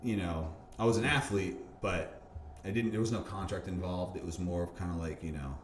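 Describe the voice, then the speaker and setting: A man being interviewed, telling a story casually, animated, laughing often and restarting his sentences. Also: deep voice, fairly quick. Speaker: bodybuilder interviewee. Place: gym or park. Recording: roomy echo, faint background hum.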